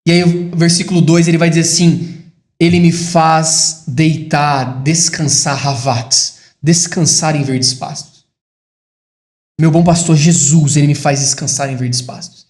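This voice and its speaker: A man preaching a sermon in a high voice, recorded in an echoey room. He builds to emphatic declarations and then drops into quiet, reflective asides. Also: fairly even intonation, unhurried.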